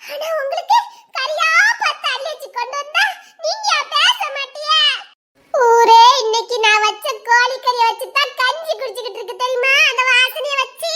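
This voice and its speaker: A woman's voice: very high-pitched, moderate pace, noisy background. A woman voicing a lovestruck young village woman who chatters and giggles while teasing her sweetheart. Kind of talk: village romance drama acting.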